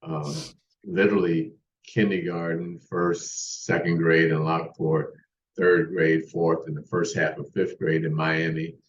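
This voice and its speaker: Heard through a distant, roomy, muffled remote mic carrying slight hiss or hum, this unhurried, low-pitched man speaks flatly. He's an American podcast guest in his sixties, rambling through his life story with many restarts in casual interview fashion.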